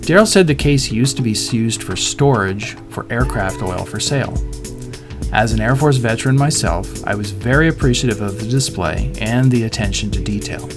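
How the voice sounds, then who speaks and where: Cast as a pilot, a middle-aged man narrates a scripted airport review at normal speed. His mid-range voice has lively intonation, and music sits underneath the voice-over.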